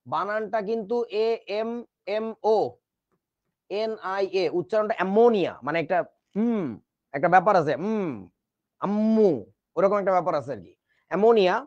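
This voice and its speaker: A man's voice: sits high, moderate pace, pauses often, darkish tone, dry recording. A man teaching chemistry in a lecture, joking around and spelling out words letter by letter. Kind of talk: classroom lecture. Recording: dull, dry recording.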